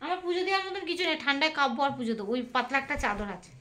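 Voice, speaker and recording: A woman vlogging casually from her bed at home, talking in a rushed, tumbling way into a phone she holds in her hand. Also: high voice, expressive, pushed and bright. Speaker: family vlogger. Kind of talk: casual home vlog chat. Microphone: phone held in hand.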